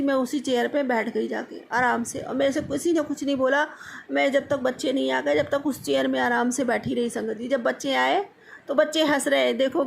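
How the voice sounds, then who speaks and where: A woman's voice: high-pitched, creaky, slight background noise. A middle-aged woman telling of her temple visit as a devotional testimony, often calling out to the listeners and repeating her thanks. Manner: repeatedly addresses the listeners as "sangat ji"; repeats words of thanks over and over. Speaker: devotee sharing a satsang experience. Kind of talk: devotional testimony, casual storytelling.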